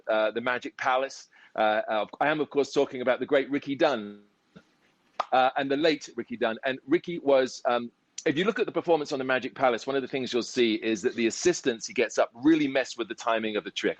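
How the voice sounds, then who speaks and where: Male host, casual rambling chat, mid-pitched voice, dead-dry recording. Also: dry recording, rough recording. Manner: rambling, repeats words. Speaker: podcast host.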